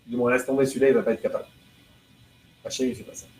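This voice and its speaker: A man's voice: mid-range voice, fairly even intonation, rapid-fire, darkish tone, soft background music. A man, a rabbi, giving a religious lesson to a live class, asking rhetorical questions and translating prayer lines phrase by phrase. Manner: explains through chains of rhetorical questions. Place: room with listeners present. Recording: echoey room with faint background noise.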